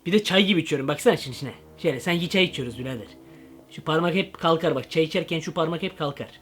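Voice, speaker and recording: A young man in a comedic parody vlog, talking in an excitable, slangy way with jumpy asides. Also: on the high side, racing. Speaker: comedy vlogger.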